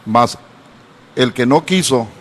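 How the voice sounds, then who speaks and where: A man reading a scripture passage aloud in a steady, formal way. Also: medium pitch, takes it slowly. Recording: long hall reverb.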